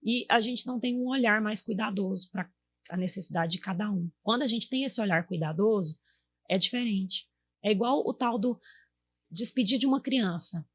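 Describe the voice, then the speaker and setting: Husky-voiced Brazilian woman chatting. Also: medium pitch, moderate pace. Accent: Brazilian Portuguese. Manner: warm storytelling, acts out quotes to her kids. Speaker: guest. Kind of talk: casual chat.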